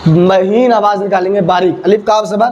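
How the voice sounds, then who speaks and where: A man's voice: high-pitched, fairly even intonation, moderate pace, darkish tone, highs cut off, a little hiss or hum. A man teaching a recitation lesson, drilling with repeated questions and answers and exaggerating heavy and thin sounds to show the difference. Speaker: religious teacher.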